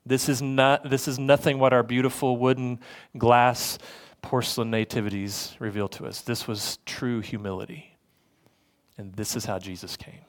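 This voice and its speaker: A man's voice: medium pitch, little pitch movement, normal speed. A male pastor, preaching a sermon in an earnest, conversational way, often repeating his words as he goes. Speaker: lead pastor.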